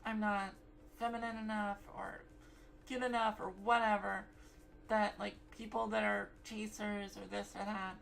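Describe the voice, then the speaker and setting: Slow, flat-voiced woman rambling. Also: medium pitch, creaky, slight background noise, low-quality recording. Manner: rambling, many fillers and self-corrections. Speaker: vlogger. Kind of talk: casual rambling vlog.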